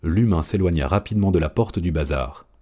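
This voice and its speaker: A man narrating an audiobook in a steady, measured storytelling manner. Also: sits low.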